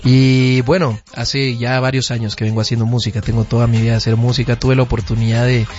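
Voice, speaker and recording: A man's voice: medium pitch, little pitch movement, quick pace, darkish tone. A young man speaks as a guest in a radio studio booth, with a mid-range voice and an easygoing, friendly manner. The broadcast sound is slightly dull, and faint music plays underneath. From Guatemala. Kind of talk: casual radio interview. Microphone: studio microphone.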